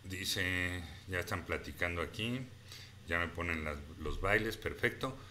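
A man's voice: sits low, a little slow, sharp tone, slight background noise. A man hosting a live stream, casually reading out viewer comments and thanking people by name. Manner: chatty, reads viewer comments aloud and thanks them by name.

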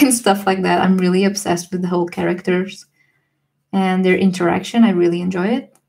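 Slow-talking woman chatting while painting. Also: medium pitch, creaky. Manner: slow, relaxed, chatty with fillers and small laughs. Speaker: watercolor artist streamer. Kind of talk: casual livestream chat while painting.

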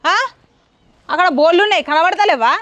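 A woman with a Telangana accent playing a sharp-tongued, bossy village daughter-in-law who talks sarcastically in a comedy skit. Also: very high voice, fairly quick, very noisy. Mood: taunting. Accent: Telangana Telugu. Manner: taunting and sarcastic.

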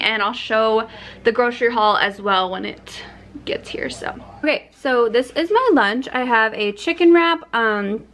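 Bright and forceful, with a fairly high pitch, this young vlogger's voice carries through a little hiss or hum. She talks casually and upbeat to camera, full of fillers, holding it at arm's length while in her car and then her home kitchen.

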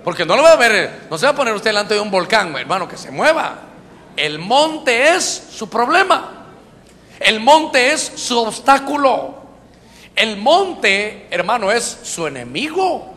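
Brief: Honduran male preacher, bright and forceful tone, echoing church hall. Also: sits high, sing-song, a little slow. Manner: emphatic, constantly addresses the congregation as brother. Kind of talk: sermon.

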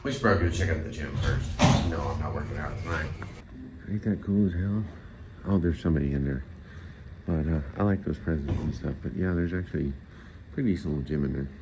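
His voice is a rumbling low one, delivered a little fast. The man, a travel vlogger in his forties, gives a rambling, mildly profane, blunt review of a motel room in a casual vlog shot indoors across hotel rooms and hallways. He films on a phone held at arm's length, and the audio is noisy.

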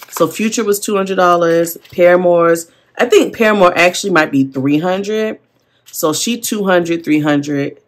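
Deep gravelly woman doing a plan-with-me, all gasps and gushing over stickers, slow and rambly. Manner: chatty, rambling asides. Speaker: planner vlogger. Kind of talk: casual plan-with-me chat. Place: seated at a desk at home.

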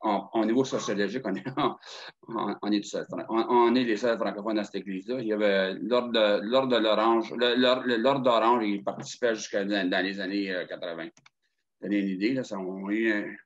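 A man's voice: fairly low pitch, fairly even intonation, fairly quick, lo-fi sound. A man, a webinar participant talking casually, hesitant with many restarts, over a video call. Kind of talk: casual chat.

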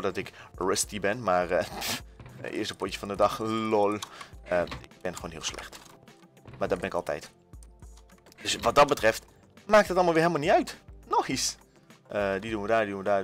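Young Dutch gamer, lively and jokey. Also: male voice, lowish voice. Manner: energetic, jokey, swears, shouts when panicking; many fillers, talks to viewers. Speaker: gaming YouTuber. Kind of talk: casual gameplay commentary.

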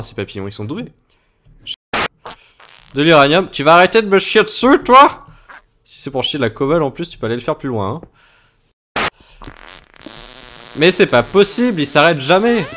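A young man giving playful let's play commentary on a game, often breaking into high, panicked shouts. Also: noisy background. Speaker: gaming video host.

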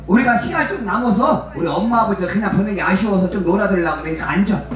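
A man's voice: high-pitched, lively intonation, fast, over music. A man performing as a pumba street entertainer, joking bawdily and teasing the audience at an outdoor festival. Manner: teasing, brash, calls listeners mother and father. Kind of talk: bawdy comic banter with the crowd. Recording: heavy echo, voice from far off.

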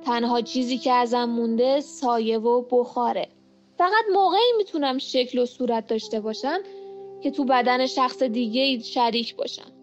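Voldemort: woman voicing a cold menacing dark lord. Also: on the high side, soft background music, natural voice. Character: evil male dark lord, a bodiless snake-faced spirit. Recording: muffled lo-fi home recording.

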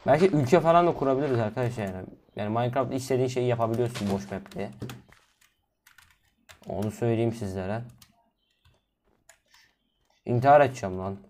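Guy playing a block game alone, mutters to viewers then blows up yelling and swearing, mid pitch voice. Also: brisk, pauses often, a little hiss or hum. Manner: chatty, drifts between low mumbling and sudden loud outbursts; cursing, exasperated asides to viewers. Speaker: gaming video host. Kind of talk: solo gameplay commentary.

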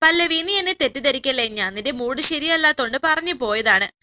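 A woman's voice: high-pitched, animated, brisk, sharp tone, exaggerated voice. Brusque scolding young man, read by a woman narrator. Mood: impatient. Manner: curt, scolding. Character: impatient curt young man.

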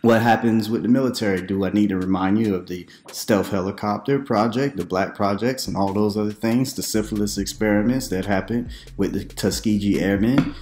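A man in his thirties, a preacher, giving casual commentary to camera from a room at home, conversational with questioning, animated asides. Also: on the low side, brisk, few pauses, roomy sound.

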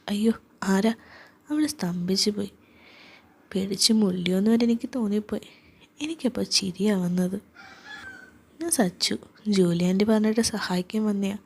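A woman telling a first-person story in a hushed, whispered voice. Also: medium pitch, a little hiss or hum.

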